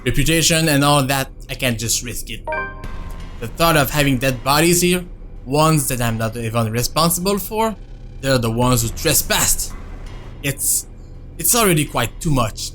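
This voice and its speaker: A man's voice: medium pitch, expressive, normal speed, fairly bright tone, faint music behind. Man reading a game aloud. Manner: reads narration, breaks off to answer chat. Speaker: streamer. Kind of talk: reading a visual novel aloud with casual chat.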